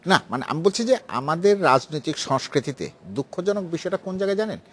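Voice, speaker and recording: A man speaking as a guest on a political talk show, lively and full of restarts and asides. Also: fairly high pitch, quick pace. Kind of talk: animated studio discussion.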